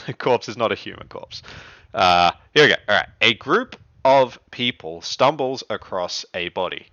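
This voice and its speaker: A young man hosts a riddle contest live on stream, his voice leaping up and down as he chats and laughs. The tone is bright and forward. It sounds dry and a little dull, like a close home streaming mic. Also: on the low side, unhurried, no echo. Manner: excitable, chatty, laughs often. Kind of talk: casual live-stream chat.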